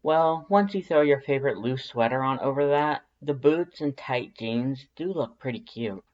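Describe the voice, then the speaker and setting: A narrator reads fan fiction aloud in an expressive, scripted storytelling style. The voice is medium-pitched at normal speed, and the audio sounds dull.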